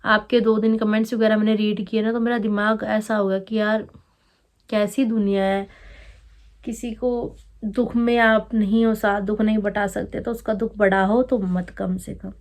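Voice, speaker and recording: A woman's voice: medium pitch, flat delivery, normal speed. A young woman vlogger who is unwell, speaking to camera in an upset, indignant way and addressing commenters directly. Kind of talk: emotional vlog talk to camera.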